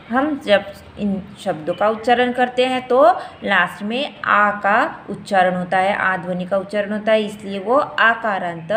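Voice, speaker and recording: A woman teacher giving a grammar lesson, saying each form slowly and repeating it so students can practise. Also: mid-range voice, a bit bright, a little hiss or hum. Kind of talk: grammar lesson explaining and drilling forms.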